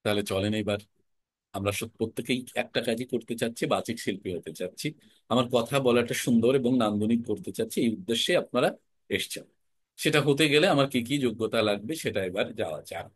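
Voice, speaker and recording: Emphatic male voice teacher, measured delivery. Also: on the low side, breathy edge, no echo. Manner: measured, emphatic explaining with deliberate pauses. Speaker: recitation and voice teacher. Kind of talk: online class lecture.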